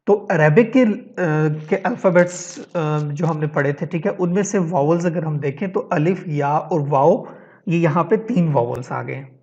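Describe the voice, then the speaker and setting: A man with a slightly high voice teaches a reading lesson, explaining each step slowly. He mixes English words into his talk and checks in with his listeners as he goes. The recording sounds dull and lo-fi. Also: a little mellow. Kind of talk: online tajweed lesson.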